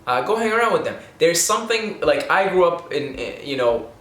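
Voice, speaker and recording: This young vlogger from Syria has a fairly high, sing-song, fairly bright voice and talks a little fast as he gives money tips to camera. Casual and earnest, he rambles, restarts frequently, and adds "okay?". The room echoes.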